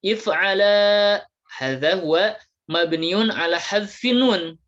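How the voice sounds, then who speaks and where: A teacher giving an Arabic grammar lesson, slowly drilling word forms one by one with many repetitions. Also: mid-range voice, a bit bright, lo-fi sound. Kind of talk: classroom lesson.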